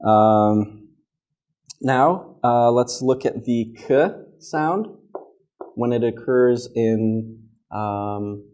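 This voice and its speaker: Standing at a whiteboard in a classroom, a young man with a medium-pitched, slightly mellow voice patiently teaches English pronunciation. He draws out his words, pauses often and says each model word several times over.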